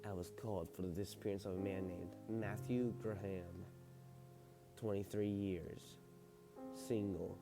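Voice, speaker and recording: A man playing a grave, seasoned detective in a game story, speaking slowly and deliberately with pauses. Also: sits low, fairly even intonation, over music. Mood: grave, unsettled. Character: grave seasoned male detective recounting a baffling case. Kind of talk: game story read aloud.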